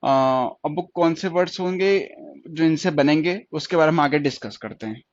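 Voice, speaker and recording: A man's voice: fairly high pitch, normal speed, no echo. Man teaching shorthand, dull dry recording. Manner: explains step by step, repeating each point with checking questions. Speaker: stenography teacher. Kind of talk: classroom lesson.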